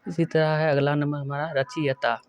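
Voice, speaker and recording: A male teacher giving a spelling lesson, working through words one by one and repeating each correct form slowly. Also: fairly high pitch, level tone, clean tone, highs cut off. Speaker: Hindi grammar teacher. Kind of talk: exam-prep lesson.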